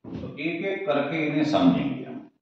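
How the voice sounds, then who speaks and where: A man's voice: fairly high pitch, wildly swooping pitch, a little slow, a little hiss or hum. A man teaching a chemistry class at the board, explaining step by step, repeating himself and asking students questions. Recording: echoey, dull, distant room mic.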